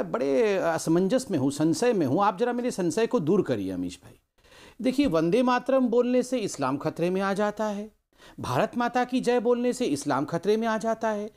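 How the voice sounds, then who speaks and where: A man's voice: very high-pitched, a little mellow. A man making a rhetorical, repetitive argument as a panelist in a TV news debate. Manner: rhetorical, repetitive, pleading for his turn.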